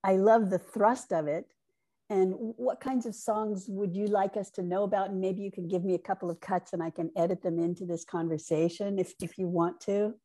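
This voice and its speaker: Interviewer, woman, mellow tone, chatty and affirming. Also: medium pitch, fairly even intonation, normal speed. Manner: warm, affirming, chatty with many backchannels. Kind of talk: interview conversation.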